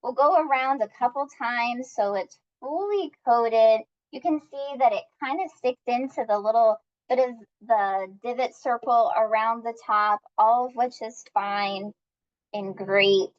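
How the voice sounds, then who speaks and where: Upbeat high-voiced woman teaching cooking. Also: unhurried, muffled recording. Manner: upbeat and chatty, talks to viewers while working. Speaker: cooking class instructor. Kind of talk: live-streamed cooking demonstration.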